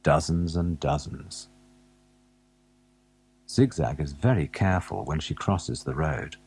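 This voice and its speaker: Deep, husky man reading a children's storybook. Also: slow. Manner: gentle, asks the listener questions and waits. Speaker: narrator of a children's alphabet tape. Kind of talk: scripted storybook narration for young children.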